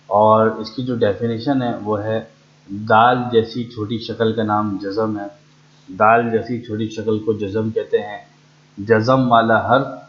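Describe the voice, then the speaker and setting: Man drilling quran letter sounds for beginners, repeats stuff three times, dullish lo-fi audio. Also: on the low side. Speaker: Quran reading teacher. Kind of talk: slow, drilling beginner lesson. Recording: slightly dull, lo-fi.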